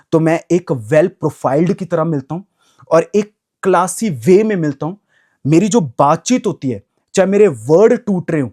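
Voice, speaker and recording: A man's voice: a little high, mellow. A young man giving an emphatic, repetitive opinion rant to camera as a vlogger, mixing in English phrases.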